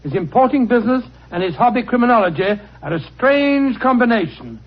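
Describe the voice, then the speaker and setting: A muffled old radio recording of a genial older English doctor. His voice is high for a man, British, bumbling and hesitant, in the manner of a 1940s radio drama. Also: lively intonation, brisk. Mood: genial, fond. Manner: bumbling, hesitant, chuckling, stammering.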